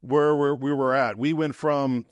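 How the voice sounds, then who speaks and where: A man from the Midwest talks through his business story in a folksy, chatty way, swinging between stories and asides. His voice sits in a middle pitch, and it is recorded close and dry with no room sound. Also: fairly even intonation, measured pace, dry recording. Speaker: podcast guest, real estate investor. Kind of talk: casual interview chat.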